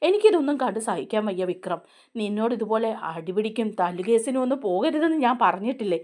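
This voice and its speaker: A woman's voice: fairly high pitch, very animated, fast talker, darkish tone. A woman voicing a caring, tearful mother who fusses over her hurt son. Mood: worried.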